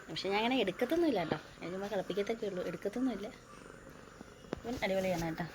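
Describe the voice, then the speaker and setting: Hoarse young woman chatting to viewers. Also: medium pitch, racing, noisy background. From Kerala, India. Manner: chatty, with many "appam" and "aa" fillers, addressing viewers as guys. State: hoarse from a lingering cough. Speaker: vlogger. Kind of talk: casual home vlog. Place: at home, indoors and in the yard.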